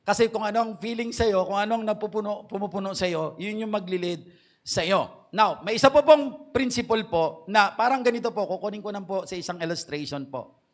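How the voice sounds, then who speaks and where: A middle-aged man preaching a sermon in church, polite and earnest, slowing down to stress key phrases. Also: high voice. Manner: slows to stress key English phrases, mixes Tagalog and English. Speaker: pastor.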